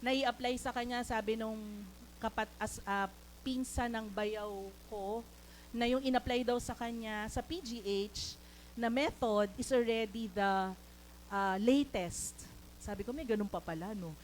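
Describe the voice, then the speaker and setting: The speaker is a woman lay preacher with a Filipino accent, blending English into her Tagalog sermon and prompting amens. Her voice sits on the high side and moves unhurriedly, with some background noise on a rough recording.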